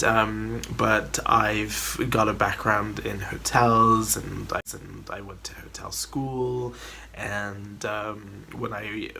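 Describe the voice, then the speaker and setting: Bright-voiced chatty man vlogging. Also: lowish voice, slight background noise. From Philippines. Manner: chatty and rambling, with restarts and laughs. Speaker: cooking channel host. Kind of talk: casual chat to camera. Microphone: camera on a tripod.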